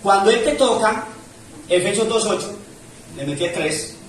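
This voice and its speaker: Male pastor with a high voice, preaching with swelling emphasis, heard from a distance in an echoey church. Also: animated, normal speed, a little hiss or hum. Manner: preaching with rising and falling emphasis, reads scripture aloud. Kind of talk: sermon. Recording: echoey church room from far off.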